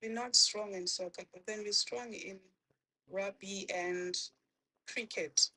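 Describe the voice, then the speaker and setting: A woman's voice: mid-range voice, fairly even intonation, sharp tone, poor audio. A woman, a guest on a live chat, answering bluntly with dry jokes. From South Africa. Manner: blunt, joking quick replies. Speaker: guest caller.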